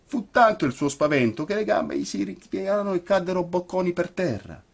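A man reads a children's story aloud with theatrical expression, as an actor would. His voice is husky, and his pitch moves lively up and down as he tells the tale. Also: fairly quick. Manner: theatrical, animated.

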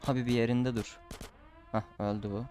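A man's voice: medium pitch, little pitch movement, moderate pace, darkish tone, faint music behind. A man doing casual gameplay commentary, chatting to viewers and often getting frustrated. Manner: chatty, frustrated outbursts, calls the audience "abi". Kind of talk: casual Let's Play commentary.

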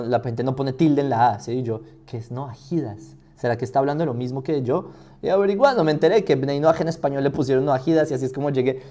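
Man teaching, mellow voice, rhetorical questions. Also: fairly high pitch. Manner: thinks aloud with rhetorical questions. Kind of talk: live class answering questions.

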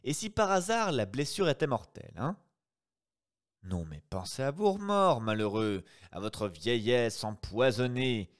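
A man reading aloud voices a grandiloquent, teasing gentleman thief who talks with showy, swinging pitch. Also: measured pace, natural voice. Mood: mocking. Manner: theatrical and teasing, with lively swings.

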